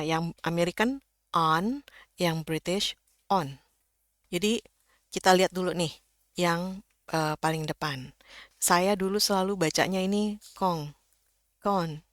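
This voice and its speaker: A woman giving a casual, patient English pronunciation lesson, slowly demonstrating sounds. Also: on the low side, dry recording, clean studio sound. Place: indoors, rain heard outside.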